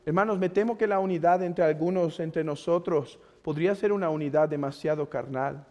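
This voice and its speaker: A pastor with a Mexican Spanish accent preaching a sermon, earnest and exhorting, rising to loud urging and dropping to quiet pleading. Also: male voice, a little high, brisk. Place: church hall. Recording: long church reverb.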